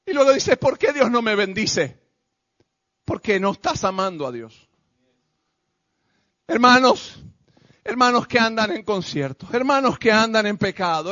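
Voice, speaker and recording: A man preaching a sermon to a congregation, going from quiet, measured passages to loud, shouted rebukes. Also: very high voice. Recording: dull lo-fi recording.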